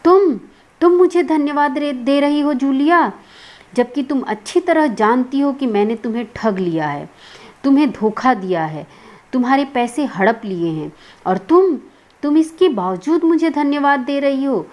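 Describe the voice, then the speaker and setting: A stern male master of the house with a loud, scolding voice that is close to shouting, as a woman reads his lines. He sounds harsh and demanding as he drills his point home. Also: mid-range voice, lively intonation, normal speed, close to an everyday voice. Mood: furious.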